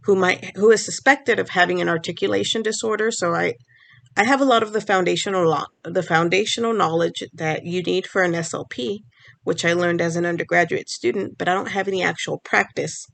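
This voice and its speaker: Talking briskly in a low-leaning, fairly bright voice with vocal fry, a speech pathology grad student whose first language is Spanish explains things to camera in a casual, conversational vlog, frequently restarting phrases.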